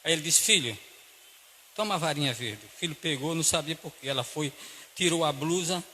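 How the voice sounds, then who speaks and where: A man with a Brazilian Portuguese accent preaching a sermon and telling a story, acting out the voices and swinging between hushed and loud delivery. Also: fairly high pitch, fairly quick, a little hiss or hum. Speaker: pastor. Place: church hall. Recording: church hall with long reverb.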